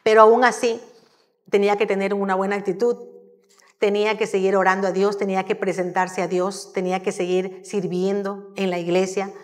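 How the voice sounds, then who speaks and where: A woman giving a sermon in a church, telling the story in a lively, conversational way. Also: medium pitch, normal speed. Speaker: church speaker. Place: church hall. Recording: long hall reverb.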